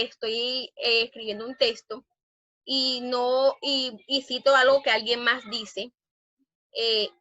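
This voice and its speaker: A woman teaching a grammar lesson in an emphatic way, often pausing on fillers and restarting phrases. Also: a little high, sharp tone, dry recording, muffled recording.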